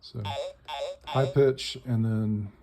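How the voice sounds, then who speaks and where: A man draws out his words in a gravelly, medium-pitched voice with fairly even intonation while casually demonstrating a modified electronic instrument by hand. His explanations come piecemeal in short, tentative phrases. The recording is very noisy with device buzz and clicks, and electronic toy noises and button clicks play in the background.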